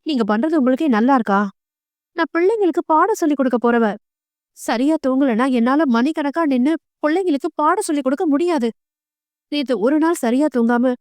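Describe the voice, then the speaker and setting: Woman playing a defiant young teacher wife, quick hurt delivery. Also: high-pitched, no echo, studio quality, close to an everyday voice. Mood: pleading. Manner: pleading, then sharp and defiant.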